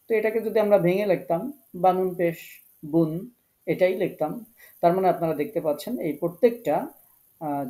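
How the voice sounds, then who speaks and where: A man teaching an online Quran recitation class, explaining each point patiently and repeating key rules slowly. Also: fairly high pitch, mellow, poor audio. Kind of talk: online tajweed class lecture.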